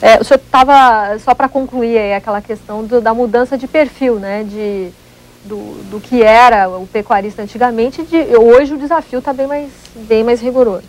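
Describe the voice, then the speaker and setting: A woman's voice: fairly high pitch, moderate pace, darkish tone, low-quality recording. A Brazilian woman hosting a TV interview, politely framing questions and moving the program along. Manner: polite, frames questions, brief agreement cues. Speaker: TV interview host.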